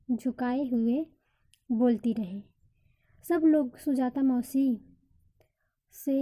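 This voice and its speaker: A woman narrating a college love story in steady scripted storytelling. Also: high-pitched, poor audio.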